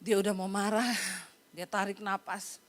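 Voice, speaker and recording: A woman's voice: mid-range voice, normal speed. A woman pastor preaching, telling a story with humor and acting out voices, teasing her listeners. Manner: lively storytelling, acts out dialogue with voice shifts; teasing, humorous asides to the congregation. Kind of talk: sermon.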